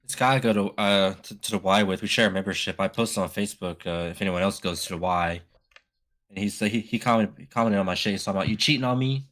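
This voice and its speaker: A man in casual live chat while watching a race, relaxed and rambling with loose fillers. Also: low voice, fast talker.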